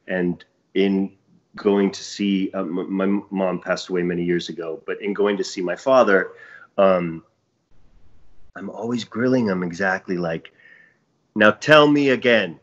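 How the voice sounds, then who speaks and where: A middle-aged man from Chile, a podcast guest telling a long family story in a rambling way that keeps restarting itself. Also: low-pitched. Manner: rambling, self-interrupting storyteller. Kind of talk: casual podcast conversation. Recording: dull lo-fi audio.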